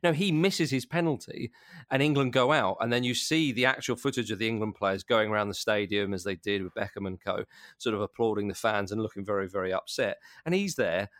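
A man's voice: lowish voice, a little fast, a bit bright, dry recording, studio quality. A man co-hosting a football podcast, telling a story with exasperation in casual chat. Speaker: podcast co-host.

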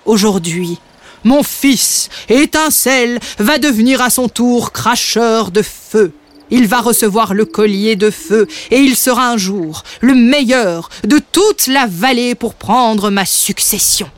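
A woman's voice: fairly high pitch, slow pace. A woman voicing a proud, stern male father dragon who speaks in a solemn, commanding way, in a storybook reading.

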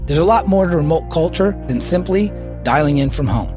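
A man's voice: a little high, animated, brisk, music in the background. A man hosting a podcast, reading a polished scripted intro and then asking curious interview questions. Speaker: podcast host.

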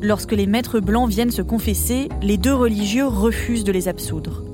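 A woman's voice: medium pitch, normal speed, music in the background. A woman narrating a scripted history documentary with conversational touches.

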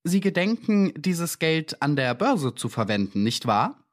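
A man voicing a calm, uncanny male visitor who speaks in measured, coolly accusing tones in an audiobook reading. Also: fairly high pitch, pitched above the performer's own voice.

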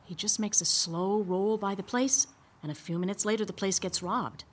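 A woman playing an excitable amateur camerawoman in a sitcom radio play, talking in breathless running commentary. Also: medium pitch, moderate pace, close to an everyday voice. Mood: eager. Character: excitable woman filming a stakeout.

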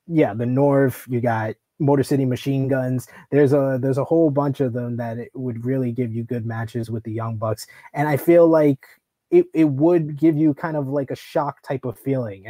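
A man's voice: mid-range voice, mellow, dry recording. A man co-hosting a wrestling show, explaining his take casually with plenty of "you know" and "like". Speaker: wrestling writer and co-host. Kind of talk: casual news commentary.

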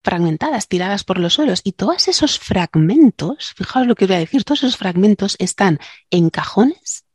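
A woman's voice: mid-range voice, lively intonation, normal speed, breathy edge, no room sound, studio quality. A woman co-hosting a casual science podcast, a linguist who chats, jokes and explains things with digressions. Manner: chatty, joking, explains with digressions.

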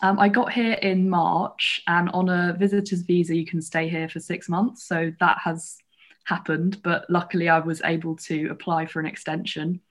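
Low-voiced young southern English woman, chatting casually. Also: flat delivery, normal speed. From England, grew up in London and Bath. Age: 20s. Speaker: podcast guest, athlete. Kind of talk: casual chat.

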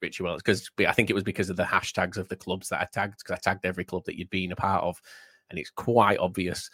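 A man's voice: sits low, flat delivery, fast talker, pushed and bright. A British man hosting a podcast in casual chat, rambling and often repeating his words as he starts sentences. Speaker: podcast host.

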